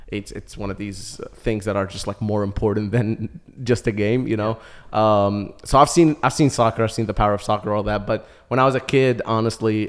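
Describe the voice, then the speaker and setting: A man in his thirties, from Iraq, speaks in a fairly low voice. He is a podcast guest in a casual chat, telling a long story with easy good humor. He laughs often as he talks. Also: creaky.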